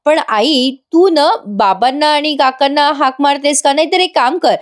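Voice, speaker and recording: A woman's voice: high-pitched, normal speed, pitched above the performer's own voice, lightly acted. A woman voicing a scheming young daughter who feigns sweetness toward her mother. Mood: sugary.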